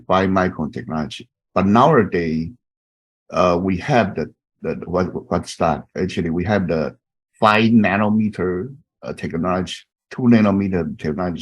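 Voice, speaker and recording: In this clip a Taiwanese man in his fifties, a professor, introduces himself to students online with a Taiwanese accent. His voice is deep and husky, the high frequencies cut off, and his speech halts with many fillers and restarts.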